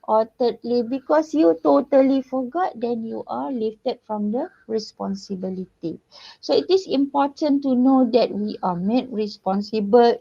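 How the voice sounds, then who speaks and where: A woman giving a lecture to her students, pausing often with fillers and checking in with "yeah" and "eh". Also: fairly high pitch, gravelly, dark tone, muffled recording. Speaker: university lecturer. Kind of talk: recorded online lecture.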